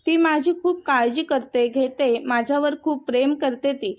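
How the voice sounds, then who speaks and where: A woman's voice: high voice, normal speed, darkish tone, close to an everyday voice. Woman reading as a devoted young husband. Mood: pleading. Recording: dull, muffled audio.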